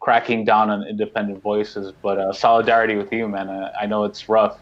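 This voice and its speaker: Low, flat-voiced man on a muffled call. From New York, United States. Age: around 30. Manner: earnest, quick explaining with many "uh"s. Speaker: guest, co-founder of a media collective. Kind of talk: casual interview talk.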